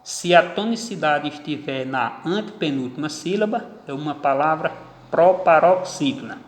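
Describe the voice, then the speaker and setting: A man teaching a grammar lesson, stressing each example word slowly and deliberately. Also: fairly high pitch, animated. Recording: echoey room with long reverb.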